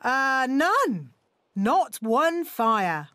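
A woman voicing an officious, excitable lady rabbit firefighter in a children's cartoon. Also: sits high, very slow, no echo, clean studio sound, heavily acted.

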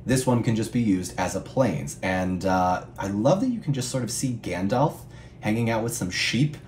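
A man in a casual chat, calmly walking a co-player through card game rules with playful asides. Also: lowish voice, normal speed. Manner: clear, patient rule explanations with playful asides. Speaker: guest co-player explaining the rules. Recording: echoey room with faint background hum.

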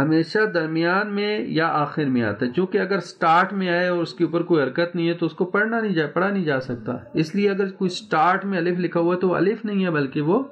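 A man's voice: fairly high pitch, highs cut off. A man teaching Quran recitation in an online lesson, patiently drawing out sounds and checking in with his students. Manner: patient, repeats sounds slowly and checks in often.

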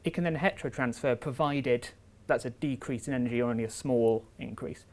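A man's voice: mid-range voice, a little fast, darkish tone. A young man giving an academic seminar in a lecture room, explaining step by step with frequent ums and uhs. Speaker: visiting researcher giving a seminar.

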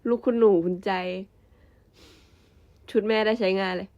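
A woman's voice: mid-range voice, fairly even intonation, a little slow, darkish tone. A young adult woman, an idol group member, chatting casually and playfully in a vlog, laughing often. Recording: slightly dull, muffled sound.

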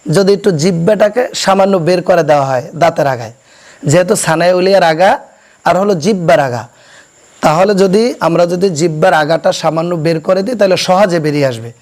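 A man teaching children to pronounce Arabic letters, explaining slowly and quizzing his pupils so they repeat after him. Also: high-pitched, a little mellow. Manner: asks questions and has pupils repeat; slow, deliberate explanation. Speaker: Quran teacher. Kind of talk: classroom recitation lesson. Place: madrasa classroom.

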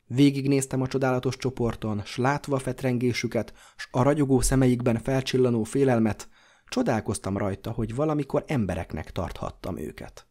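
A man reading a classic horror novel aloud as an audiobook narrator, in a measured, dramatic way. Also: medium pitch, mellow.

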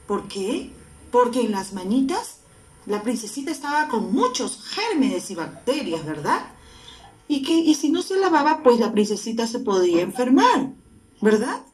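A woman's voice: on the high side, echoey room. Patient woman teacher with Peruvian accent. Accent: Peruvian Spanish. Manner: slow, patient, drawing out sounds for children to repeat. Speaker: primary school teacher. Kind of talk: recorded lesson for young children.

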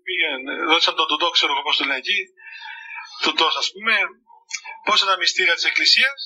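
Cypriot greek monk telling funny stories in a sermon, husky and really bright, high voice. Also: male voice, low-quality recording. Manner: storytelling, chuckling, halting restarts. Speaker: monk and preacher. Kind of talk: humorous sermon talk with anecdotes.

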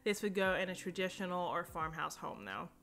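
A woman's voice: fairly low pitch, animated, brisk, a bit bright. A young woman narrating a casual home decor shopping vlog, chatty and upbeat, with plenty of fillers and little asides. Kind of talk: casual shop-with-me voice-over.

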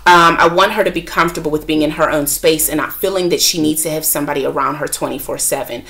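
A woman talking frankly to camera as a vlogger and mother, chatty and expressive, sometimes acting out what others said. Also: low-pitched, fast talker. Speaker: self-help vlogger and mother. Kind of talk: candid talk to camera.

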